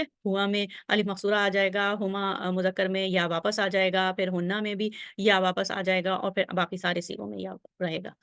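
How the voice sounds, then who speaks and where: A woman whose first language is Urdu teaches Arabic grammar in a recorded slide lesson, patiently drilling verb conjugations aloud and checking in with the listener often. Her mid-range voice has a fairly bright tone, captured dry and at studio quality.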